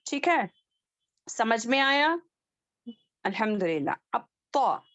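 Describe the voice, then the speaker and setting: A woman's voice: on the high side, a bit bright, no echo, highs cut off. A woman teaching a Quran recitation class online, patiently drilling letter sounds and asking the students if they follow.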